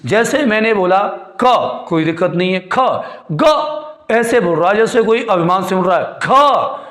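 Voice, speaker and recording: A Hindi grammar teacher gives a classroom lecture in a high, brisk, somewhat bright voice that echoes around the room. He goes over his points more than once, quizzes his students, and fondly calls them his kids, using "beti" and "chhote."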